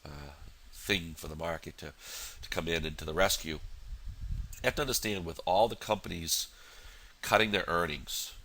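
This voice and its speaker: Low-voiced man with a stuffy nose. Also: normal speed, long pauses, sharp tone, a little hiss or hum. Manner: rambling, many fillers and restarts. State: has a cold, nasal voice. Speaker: futures trader. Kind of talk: casual market analysis walkthrough.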